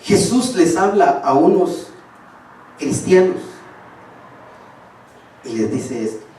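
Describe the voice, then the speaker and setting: A man preaching a sermon, fairly high-pitched and emphatic, talking straight to his congregation. His voice rings through a very echoey hall, caught from some distance with faint room ambience behind it. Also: lively intonation, slow pace, darkish tone, a little hiss or hum. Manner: emphatic, speaks to the congregation directly. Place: church hall.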